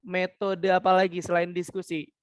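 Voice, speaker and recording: Animated young woman teaching public speaking. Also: on the low side, moderate pace, no room sound, studio quality. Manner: animated, addresses listeners directly with questions; demonstrates intonation by singing scales. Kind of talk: webinar talk.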